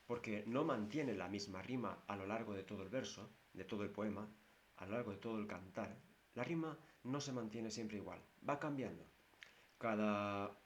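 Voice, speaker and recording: A man teaching literature to a class, repeating key terms slowly and adding wry asides. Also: fairly low pitch, slight background noise. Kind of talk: lecture to a class.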